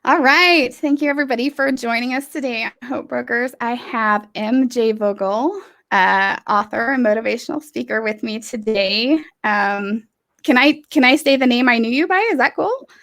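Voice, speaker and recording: A woman's voice: a little high, moderate pace. A woman hosting an interview podcast over a video call, talking in a rambling, effusive way with many restarts and fillers. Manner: warm-hearted, rambling, lots of restarts and fillers. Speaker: podcast host. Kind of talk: casual interview chat. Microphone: earbud headset on a video call.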